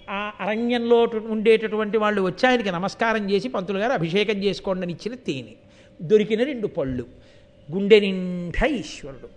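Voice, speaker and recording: A man giving a devotional storytelling discourse, expressive and rhetorical, at times chanting verses. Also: sits high. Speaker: religious discourse speaker.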